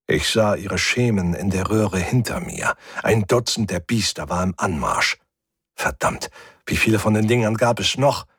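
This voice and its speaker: Man, audiobook narrator, low husky voice, dry close sound, steady gritty telling. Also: dry recording. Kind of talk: first-person sci-fi audiobook narration.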